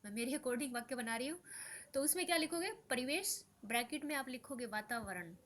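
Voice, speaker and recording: A woman's voice: high-pitched, expressive, a little fast, a bit bright. Young female Hindi tutor, tired late-night delivery, explains step by step, mixes English words, light hiss on the recording. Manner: patient, repeats words while spelling them out. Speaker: Hindi teacher. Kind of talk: explaining a practice paper step by step.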